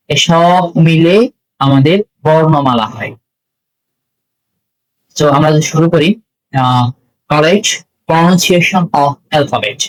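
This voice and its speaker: A man with a Bangladeshi accent teaching a spoken English lesson, slowly repeating letters and sounds for learners. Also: fairly high pitch, rough recording.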